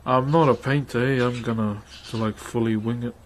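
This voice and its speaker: A man with a broad New Zealand accent hosts a carving livestream, chatting casually and matily with those watching. His medium-pitched voice keeps fairly even intonation at a moderate pace, and background noise is clearly present.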